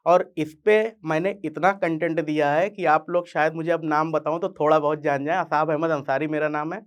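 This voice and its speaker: A man's voice: fairly high pitch, steady tone, normal speed, clean tone. A young man from eastern Uttar Pradesh with a Purvanchal Hindi accent, close to Bihari, telling his own story in a casual, chatty way. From Purvanchal, Uttar Pradesh, India. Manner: casual, chatty, addresses listeners as yaar. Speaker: content creator and guest speaker. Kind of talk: storytelling talk.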